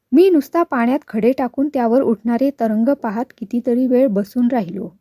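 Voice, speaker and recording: A woman reading a story aloud, measured and expressive, into a close mic. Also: high voice, no echo. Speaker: story reader.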